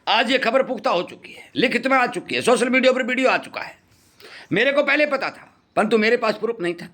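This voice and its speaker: Middle-aged host, high bright voice, earnest, repeats his warnings. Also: expressive, fairly quick. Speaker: farming channel host. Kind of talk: impassioned commentary to farmers.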